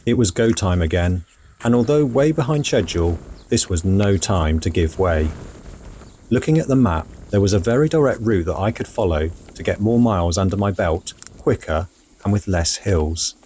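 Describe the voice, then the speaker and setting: Deep-voiced man, calm walking vlog narration. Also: slight background noise. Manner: gentle, unhurried, reflective. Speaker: walking vlogger. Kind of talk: calm documentary narration and on-the-trail vlogging. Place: outdoors on a countryside walk, partly voice-over.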